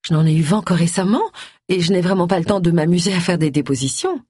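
A woman voicing a glamorous, flirty soap actress with a husky, bright, teasing voice. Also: lowish voice, fast talker, dry recording, clean studio sound. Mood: brisk. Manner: bright, playful and mocking.

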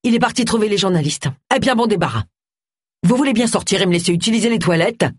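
A woman's voice: mid-range voice, animated, quick pace, breathy edge, no echo, studio quality, voice pushed up. A woman voicing a short-tempered middle-aged vicar who bellows in irritation. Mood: curt.

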